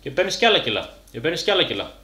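A man's voice: fairly high pitch, very animated, bright, forceful tone, echoey room. A man giving a casual, blunt monologue to camera, talking like a coach and full of slang. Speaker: fitness YouTuber.

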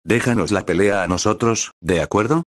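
A gruff, protective older brother, read aloud by a man in a low voice. He is reassuring with a blunt edge. The voice sounds close and dry. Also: moderate pace, dry recording, close to an everyday voice. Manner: reassuring, turns snappish.

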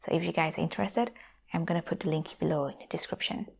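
This Thai YouTuber and language teacher, a woman in her thirties, talks fast in a low, slightly rough voice with vocal fry and fairly even intonation, her English carrying a Thai accent. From a room at home with guitars on the wall, she speaks casually and directly to viewers through a lapel mic, friendly throughout.

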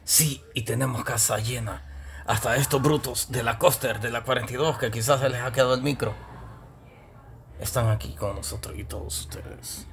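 A man's voice: medium pitch, steady tone, moderate pace, fairly bright tone, a little hiss or hum, natural voice. A man playing a show host who teases and scolds his guests. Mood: announcing. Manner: teasing, mock-stern emcee. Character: gruff mocking male show host.

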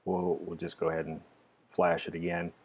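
A man narrating a casual screen-recorded software tutorial, explaining each step with frequent "uh" fillers. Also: deep voice, completely flat delivery, moderate pace, slight background noise. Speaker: tech tutorial presenter.

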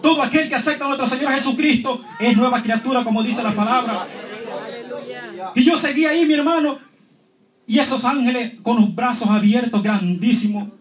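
High-voiced man giving an impassioned church testimony. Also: brisk, a faint crowd. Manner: impassioned, keeps addressing the congregation as holy brothers. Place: church hall. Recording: echoey church hall.

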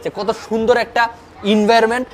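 A young man hosting a food review vlog in a restaurant, talking excitedly and emphatically, often asking "okay?". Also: sits high, fast talker, over a noisy crowd. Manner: excited, emphatic, keeps asking "ঠিক আছে?". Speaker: food vlogger. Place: restaurant dining room.

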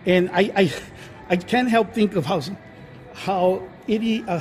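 Touring an indoor mall, a vlogger rambles through a casual walkthrough full of fillers and false starts. His voice is on the high side with a darkish tone, captured by a handheld phone camera while he stays off screen.

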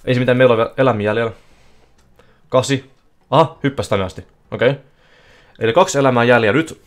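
A man streaming casino slot games live, giving excitable running commentary that bursts into yelling at big wins. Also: medium pitch. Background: faint music playing.

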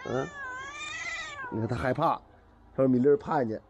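A man's voice: medium pitch, fairly quick, a little mellow, slight background noise. Northeast china guy chatting casually outside while filming, folksy and playful. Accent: Northeastern Chinese. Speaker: pet vlogger filming cats. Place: outdoors at a house doorway.

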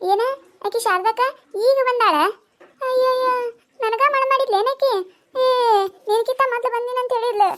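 A woman's voice: extremely high pitch, normal speed, long pauses, fairly bright tone, voice pushed up. A woman doing a squabbling village woman. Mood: indignant. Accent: North Karnataka Kannada. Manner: arguing, accusing, pleading. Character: quarrelsome village woman at the water tap. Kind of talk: cartoon voice acting.

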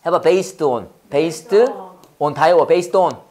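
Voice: medium pitch, warm tone. An English teacher running a Bible-based lesson, quizzing the class and drilling phrases in call-and-response. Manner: quizzing, repeats phrases slowly for learners.

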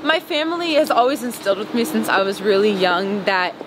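Walking down a city sidewalk for an interview, this young singer from Wisconsin talks a little fast in a mid-range voice with lively intonation. She's chatty and giggly, filling her speech with "like" and "um." The audio comes from a close handheld camera, and traffic and street sounds sit behind her.

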